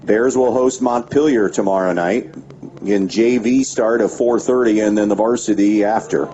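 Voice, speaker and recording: A man calling a high school baseball game play by play on local radio, giving steady pitch-by-pitch calls with stats between pitches. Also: normal speed. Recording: dull lo-fi radio broadcast with faint background noise.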